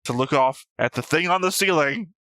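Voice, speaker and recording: Slightly high and pushed, with a bright edge, this man speaks at a moderate pace in an echo-free recording. As co-host of a reaction show, he argues precisely, dissecting points in a casual debate over an animated series.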